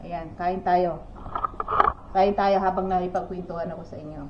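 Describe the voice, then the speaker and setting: An older woman vlogger from the Philippines speaks at a moderate pace in a fairly low, steady voice, with background noise present. She rambles casually to viewers from her roomy home kitchen, using many fillers and repeating "sabi ko." The recording sounds roomy and dull.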